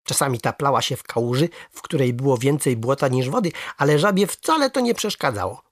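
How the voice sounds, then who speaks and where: Expressive storybook narrator, husky tone, lots of pitch movement, dry studio read. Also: fairly quick, no room sound. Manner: lively, expressive first-person narration. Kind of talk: children's story reading.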